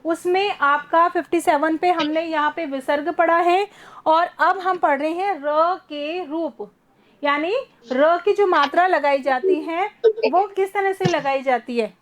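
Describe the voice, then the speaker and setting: A woman teaching a first-grade class online, patiently repeating words slowly for young children. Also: very high voice. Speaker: primary school teacher.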